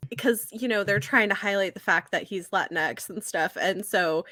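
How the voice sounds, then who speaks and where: Thirties woman cohost, bright voice, dry close mic, chatty. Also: medium pitch, normal speed, no room sound. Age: 30s. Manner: chatty, incredulous. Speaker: podcast co-host. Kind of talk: casual podcast chat.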